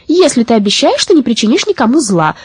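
A woman voicing a cheerful, mischievous little witch in a high, lively, teasing voice. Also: fast talker, husky, no echo, heavily acted. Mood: playful.

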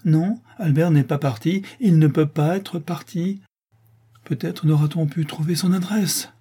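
A man's voice: on the high side, unhurried, mellow, breathy edge, pitched above the performer's own voice. A man voicing a young female artist who pleads and insists anxiously, clinging to hope, in an audiobook. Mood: desperate.

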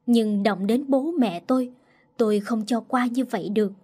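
A woman narrating a first-person family story in a calm, hurt, measured way. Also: a little high, slightly rough. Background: faint music.

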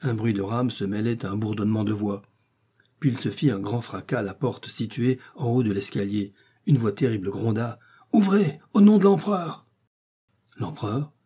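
A man narrating a classic adventure story in the first person, in measured literary storytelling. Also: fairly low pitch, steady tone, mellow, slightly rough. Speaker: audiobook narrator. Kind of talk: scripted narration.

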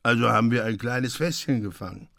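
A man voicing a drunk, dreamy young fisherman who talks slowly in a slurred, singsong way. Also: medium pitch, creaky, fairly bright tone, no room sound, clean studio sound.

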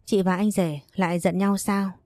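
A woman's voice: mid-range voice, fairly even intonation, moderate pace, dark tone, no echo, studio quality, natural voice. Woman voicing a worried younger brother. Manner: pressing, worried questions. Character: young man, protective excitable younger brother.

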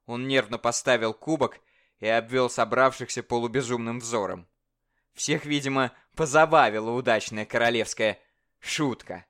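A man narrating a literary story with a measured, expressive reading. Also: mid-range voice. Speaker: audiobook narrator. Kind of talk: dramatic audiobook narration.

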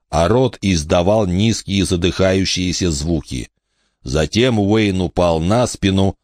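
A man narrating an audiobook in a steady, tense storytelling manner. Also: sits low, no echo, clean studio sound.

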